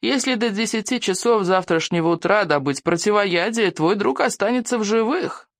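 A man voicing a frail, gloomy old male elder with a creaky, wavering voice who frets over bad omens. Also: high voice, moderate pace, no room sound, clean studio sound, pitched above the performer's own voice. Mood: hushed, grim.

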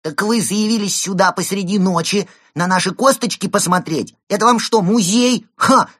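A tiny ghost tiger cub in a storybook yells and scolds in a thin, squeaky voice pitched far up. The voice is breathy and husky. It sits close and dry, with no room around it. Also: male voice, normal speed, no room sound. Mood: angry scolding. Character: rude, indignant little ghost tiger cub. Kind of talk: audiobook character reading.

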